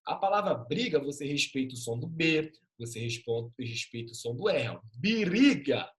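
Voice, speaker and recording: A male teacher giving an online class over a video call, patiently sounding out letters and syllables. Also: mid-range voice. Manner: patient, drawn-out spelling of sounds.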